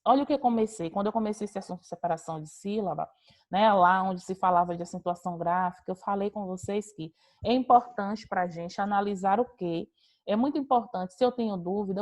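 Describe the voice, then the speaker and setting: A woman's voice: medium pitch, darkish tone. Patient woman teaching an online class. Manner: patient and explanatory, repeats points, questions students by name. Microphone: video call.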